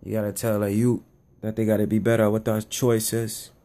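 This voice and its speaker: A man's voice: on the low side, little pitch movement, normal speed, mellow, natural voice. A man voicing a mock Jamaican elder in a fake Jamaican accent, preaching to youth about their choices. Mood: preachy.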